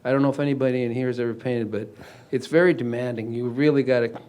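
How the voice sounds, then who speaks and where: A man's voice: mid-range voice, fairly even intonation, fast talker, a little mellow. A man in his seventies sharing casually about himself in a group talk, hesitant and rambling. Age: 70s.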